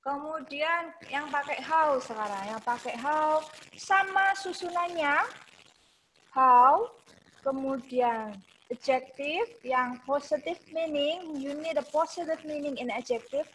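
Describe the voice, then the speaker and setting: A high-pitched woman gives an online English lesson. She slips English into her explanations and drags out example phrases slowly for her students. A faint hiss sits behind her voice. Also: fairly bright tone, poor audio. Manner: mixes English into explanations, slows to model phrases. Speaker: English teacher.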